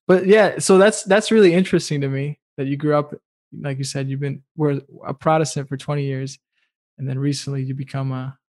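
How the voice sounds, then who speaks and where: A man's voice: medium pitch, steady tone, fairly quick, a little mellow. A young man from the Dominican Republic hosting a podcast in a casual, chatty way, laughing often and using lots of "like". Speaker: podcast host.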